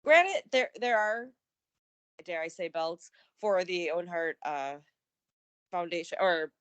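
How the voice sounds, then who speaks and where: A woman with a lowish voice co-hosts a casual recap show. She chats in an upbeat, loose way, full of "um" and restarts. The sound is dry and close, with no room echo. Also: animated, slow pace, fairly bright tone, clean tone. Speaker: co-host of a wrestling news show.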